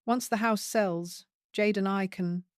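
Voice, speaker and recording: Woman doing a low smug scheming son. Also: fairly even intonation, no room sound, clean studio sound, close to an everyday voice. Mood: murmuring. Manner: low, smug, slow and drawn out.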